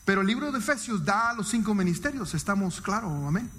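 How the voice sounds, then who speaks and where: A man giving an emotional, emphatic sermon testimony to a congregation, his pitch swinging widely. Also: sing-song, fairly quick, fairly bright tone, a little hiss or hum. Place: church hall. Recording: long church hall reverb.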